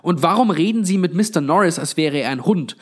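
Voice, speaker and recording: A man's voice: a little high, lively intonation, fairly quick, breathy edge, pitched above the performer's own voice. A man voicing a young woman stranded at a motel, firing off urgent, insistent questions.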